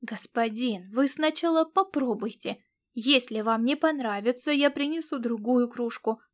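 A woman voicing a stout, sly male tavern keeper who talks in a flattering, unctuous way. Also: on the high side, unhurried, lightly acted. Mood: wheedling. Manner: fawning, unctuous.

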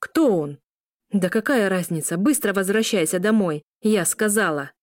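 A woman's voice: medium pitch, expressive, normal speed, dry recording, studio quality, close to an everyday voice. Woman playing a stern scolding mother. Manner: scolding, loud. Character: middle-aged mother, stern and shouting.

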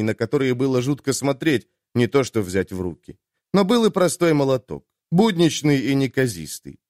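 A man's voice: medium pitch, darkish tone, no echo, clean studio sound. A man reading an audiobook as its narrator, in a tense, dramatic manner. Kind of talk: scripted narration.

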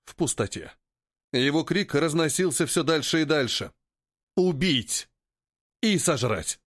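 A man narrating an audiobook in a dramatic, drawn-out way, his voice a little higher than usual with very lively intonation. The recording is dry and close, with no room sound. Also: no echo. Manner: slows down for drawn-out dramatic phrases. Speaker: audiobook reader.

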